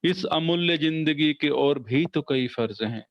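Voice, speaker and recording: Guy reading his poem real slow on a video call, voice keeps dropping out on a bad connection, higher voice, dry sound. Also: dry recording, muffled recording. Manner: slow recitation, repeats each line twice. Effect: breaking up over a bad internet connection. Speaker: poet. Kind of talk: reciting poetry on a video call.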